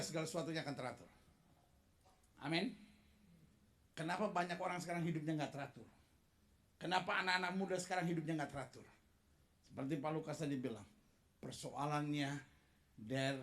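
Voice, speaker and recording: A male pastor preaching a sermon. He is animated, jokes with the congregation and prompts them to call out answers. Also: fairly high pitch. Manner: calls for congregation responses.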